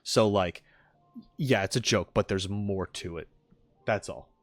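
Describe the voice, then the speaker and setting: With a fairly low voice and a measured pace, a livestream host reacts to game content and banters with viewers. He's playful and rambling, repeating his points often. Faint music sits in the background, and there's no echo.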